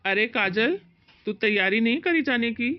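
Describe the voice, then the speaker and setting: A woman voicing a stubborn young husband who talks gruffly and dismissively in a cartoon story. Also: fairly high pitch, lively intonation, normal speed, close to an everyday voice. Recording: dull lo-fi sound.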